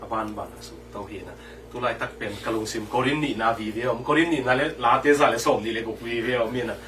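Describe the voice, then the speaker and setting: A man preaching a sermon with lively delivery, dropping English terms into his talk. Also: mid-range voice, fast. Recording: distant mic with faint background noise.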